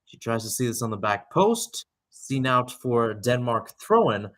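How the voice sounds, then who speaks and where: A young adult man narrates soccer action radio-style, his medium-pitched voice fairly bright, a little slow, and swinging widely in pitch. Self-corrections and conversational asides pepper his call.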